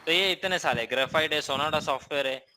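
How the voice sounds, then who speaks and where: A man's voice: fairly high pitch, brisk, pushed and bright, a little hiss or hum, rough recording. A man with an Indian accent teaching a live trading class, explaining casually and often checking in with listeners.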